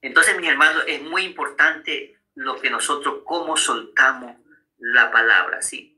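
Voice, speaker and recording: A man delivers a sermon in a strikingly bright, forceful voice at an ordinary pitch for a man. He keeps asking his listeners whether they understand and calls them his brothers. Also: measured pace, poor audio. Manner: frequent tag questions to listeners. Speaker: preacher. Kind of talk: sermon on marriage.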